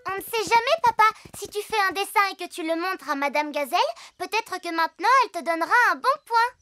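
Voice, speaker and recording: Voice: extremely high pitch, animated, quick pace, pushed and bright, faint music behind, heavily acted. A performer voicing a cheerful, curious, chatty little girl piglet in a preschool cartoon dub, with an inquisitive, giggly, assertive delivery. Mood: insistent, curious.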